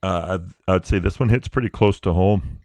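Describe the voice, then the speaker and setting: Very deep-voiced man telling stories. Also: normal speed, a little mellow, dry recording. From Canada. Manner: laid-back storyteller, many fillers. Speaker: podcast guest, Paralympic athlete. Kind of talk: casual interview chat.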